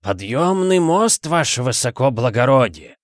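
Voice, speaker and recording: A man voicing a deferential male servant who speaks excitedly. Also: medium pitch, a little slow, no echo, clean studio sound, pitched above the performer's own voice. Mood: alarmed.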